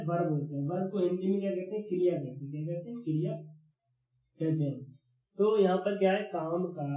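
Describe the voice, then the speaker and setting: A man's voice: sits high, mellow. A male teacher explaining grammar, asking himself questions and repeating key words. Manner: repetitive question-and-answer explaining. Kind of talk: grammar lesson. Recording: echoey room.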